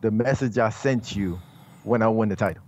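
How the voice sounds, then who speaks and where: A man's voice: fairly low pitch, normal speed, a little mellow, highs cut off. A man speaking as a podcast guest in casual banter, teasing, insistent and steering talk back to himself. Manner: teasing, insistent, self-centered.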